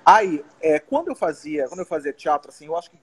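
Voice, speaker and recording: A man from Belém interviewing a guest, chatty and animated in casual conversation. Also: fairly high pitch, quick pace, slightly rough. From Belém, Brazil.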